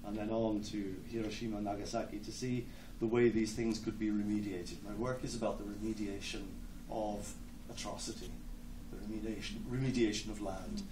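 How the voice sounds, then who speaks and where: Irish male poet, lowish voice, hesitant asides, slow verse; distant mic, roomy hall, audible noise. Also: steady tone. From Ireland. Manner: hesitant, many ums between phrases, slow deliberate verse. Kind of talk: poetry reading with spoken introductions. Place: lecture hall with an audience.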